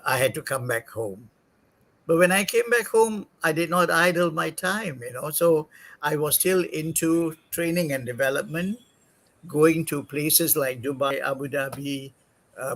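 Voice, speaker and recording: An older man from Singapore speaks as an interview guest, his voice sitting somewhat high for a man. He talks haltingly, filling pauses and going back to correct himself as he recalls his career. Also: gravelly, a bit bright, low-quality recording. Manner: halting, many fillers and self-corrections.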